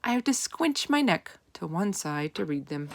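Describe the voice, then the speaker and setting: A woman with a lowish voice narrates a children's storybook aloud, placing expressive, deliberate emphasis on her words.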